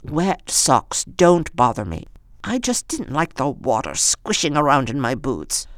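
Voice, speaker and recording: A reader voicing an eccentric, cheerful, bossy very old woman in a high, fussing storybook voice. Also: very animated, unhurried, no room sound, clean studio sound. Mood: chirpy.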